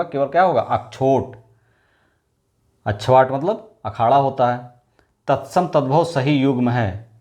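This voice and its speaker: A man's voice: medium pitch, a little mellow. A man teaching an exam-prep lesson, asking questions and then answering them himself while repeating the key words.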